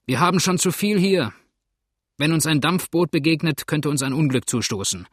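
A man doing a gruff scarred steersman. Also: medium pitch, moderate pace, dry recording, clean studio sound, close to an everyday voice. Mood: shouting. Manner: curt, gruff and commanding. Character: scarred calm male boat steersman, commanding.

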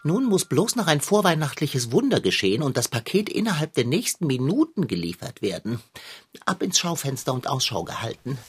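A woman's voice: rumbling low, sing-song, fairly quick, breathy edge, full character voice. A woman voicing a plump, scheming male tomcat who talks in theatrical, old-fashioned phrases and turns wheedling and mock-innocent. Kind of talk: children's radio play acting.

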